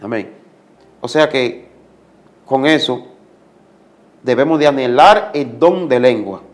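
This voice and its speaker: Man, guest, religious testimony, preacher-like, repeats phrases, mid pitch. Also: expressive, slow pace. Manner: preacher-like, repeats commands for emphasis. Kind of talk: emphatic testimony.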